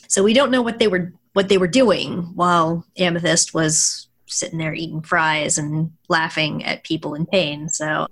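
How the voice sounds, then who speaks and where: A woman co-hosting a casual fan discussion podcast, chatty, with frequent laughs and fillers. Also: on the low side. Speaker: podcast co-host.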